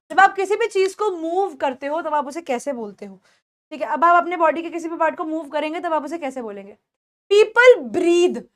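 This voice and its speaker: A young woman with an Indian accent, teaching a beginners' English lesson in Hindi mixed with English, repeating words slowly for pronunciation. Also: high-pitched.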